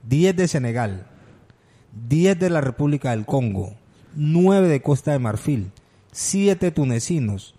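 A man's voice: a little high, sing-song, slow pace, warm tone. A man co-hosting a casual football chat, agreeable and fond of reading out statistics. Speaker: sports radio co-host.

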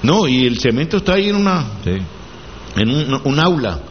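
A man's voice: on the high side, very animated, moderate pace. A man hosting a local call-in radio show, taking listeners' calls and adding short remarks. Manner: brief, affirming interjections. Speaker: radio host. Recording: dull radio sound with faint noise.

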